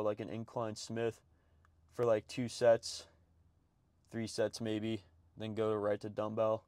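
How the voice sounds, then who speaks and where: A man's voice: mid-range voice, a little mellow, smooth, dry recording, studio quality. A young man chatting casually to his vlog viewers in a slangy, profane gym bro manner. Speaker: fitness vlogger.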